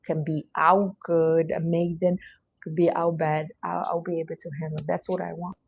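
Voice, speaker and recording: A livestream host whose first language is Portuguese speaks with a Portuguese accent, giving an earnest, emphatic motivational talk in non-native grammar. Her voice is fairly low and fairly flat in pitch, with vocal fry and a breathy edge, at a moderate pace.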